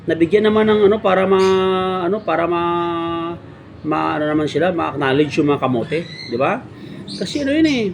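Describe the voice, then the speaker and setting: Male vlogger, high voice, mock-preachy sarcastic monologue, background noise and birds. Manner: sarcastic, keeps asking "di ba?". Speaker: motovlogger.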